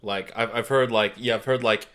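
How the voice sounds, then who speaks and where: A man co-hosting a podcast in casual chat, relaxed and agreeable, with lots of fillers. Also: lowish voice, normal speed, clean tone. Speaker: podcast co-host.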